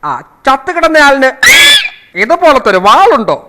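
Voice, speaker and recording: A man's voice: extremely high pitch, sing-song, moderate pace, very noisy. A man playing a pompous, bumbling male king in a comedy skit, talking in an exaggerated, punning way. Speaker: comic performer playing a king.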